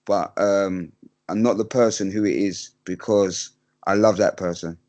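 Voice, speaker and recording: A man speaking candidly in an interview, halting and hesitant, with many fillers and restarts. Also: deep voice, fairly even intonation, a little mellow. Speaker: guest.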